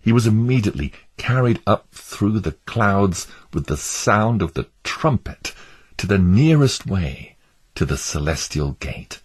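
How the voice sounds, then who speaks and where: Male narrator, dramatic storytelling, lively pitch, husky. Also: a little slow. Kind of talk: scripted narration of an allegorical story.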